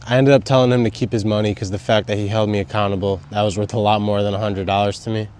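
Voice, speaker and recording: Low-voiced man vlogging, laid-back and slangy. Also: flat delivery, fast talker, a little mellow, smooth. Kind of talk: casual vlog storytelling with tips. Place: outdoors in wind.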